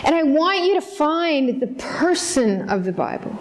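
High-voiced woman preaching earnestly. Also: very animated, measured pace, slight background noise. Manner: earnest, conversational preaching with direct questions to the listeners. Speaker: pastor. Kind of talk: sermon. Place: church service in front of a congregation.

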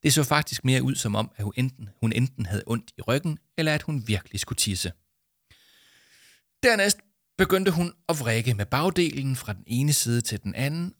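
A man narrating a children's audiobook in a calm, lively storytelling manner. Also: mid-range voice, gravelly, dry recording, clean studio sound.

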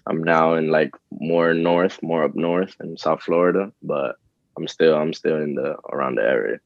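A young man from the Dominican Republic, a rapper talking casually in an interview, relaxed and rambling with fillers. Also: extremely low pitch, normal speed, creaky, no room sound, highs cut off. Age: young adult. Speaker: rapper guest.

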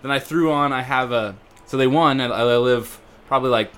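A man's voice: mid-range voice, a little fast, a bit bright, clean tone. Joking laid-back man on a podcast. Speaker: podcast co-host. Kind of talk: casual chat.

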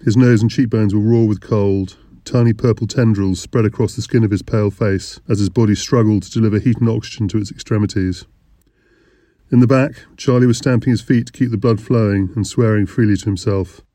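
A man reading an audiobook in measured, descriptive narration. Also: on the low side, steady tone, dark tone, dry recording.

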